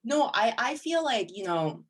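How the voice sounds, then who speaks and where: A young woman from Korea who is a plastic surgery resident talks casually in an interview, with lots of "you know" and "like." Her voice sits on the high side, very animated, unhurried and slightly rough.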